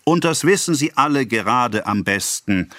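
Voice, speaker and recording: A man voicing a pompous male government official, declaiming a speech slowly and loudly in an audiobook reading. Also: medium pitch, lively intonation, dry recording, studio quality, voice pushed up. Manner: declaiming, slow and loud.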